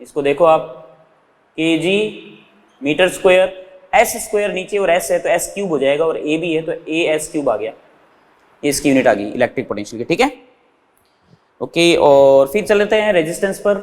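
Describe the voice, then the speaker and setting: A man's voice: a little high, expressive, moderate pace, long pauses, big-room sound. A male physics teacher explains units step by step, asking his students questions and answering them himself. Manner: calls his students "beta". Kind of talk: whiteboard physics lesson.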